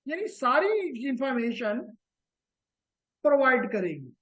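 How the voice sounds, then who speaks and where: A man's voice: very high-pitched, big pitch swings, slow, fairly bright tone, poor audio. Patient male networking instructor. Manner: repeats key terms, checks understanding often; mixes English technical terms into Urdu. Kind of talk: live class lecture.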